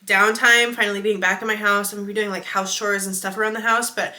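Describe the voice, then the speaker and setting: Bright-toned bubbly young woman vlogger, sick voice. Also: medium pitch, quick pace. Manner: gushing, excitable, lots of "like" and "literally". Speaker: book vlogger. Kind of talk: casual chatty vlog.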